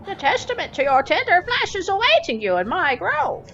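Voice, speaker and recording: Woman doing a shrill screeching evil crow. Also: huge pitch swings, moderate pace, pushed and bright, highs cut off, a little hiss or hum, full character voice. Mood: menacing. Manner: repeats each cry twice. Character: shrieking sinister male crow, greedy and menacing. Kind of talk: game voice acting.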